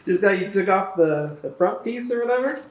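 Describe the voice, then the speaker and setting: High, lively man in a roomy space. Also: a little fast. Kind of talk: casual off-the-cuff chat. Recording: roomy, echoing sound.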